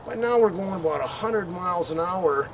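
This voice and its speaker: A middle-aged man with a high voice and lively intonation tells a casual, rambling story at normal speed, acting out quotes and engine sound effects. He's recorded outdoors on a patio by a camera several meters away, so the sound is distant with background noise.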